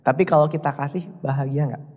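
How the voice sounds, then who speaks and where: A man's voice: on the high side, fairly even intonation, fast talker, darkish tone, muffled recording. A young man giving a motivational business seminar, telling stories with jokes and quizzing the audience. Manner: jokey storytelling, keeps quizzing the audience. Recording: long hall reverb.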